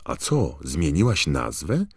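A man's voice: very deep voice, huge pitch swings, slow, a little mellow, breathy edge, dry recording, clean studio sound, exaggerated voice. A man voicing a scornful teenage schoolboy who mocks his friend. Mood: mocking. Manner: mocking, scornful.

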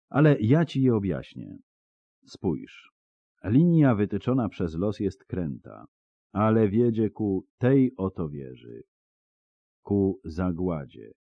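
A man's voice: low voice, vocal fry, dry recording, phone-quality sound, heavily acted. A man voicing a solemn old swordsmith. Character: grave old male swordsmith, solemn and prophetic. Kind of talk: audiobook character voice.

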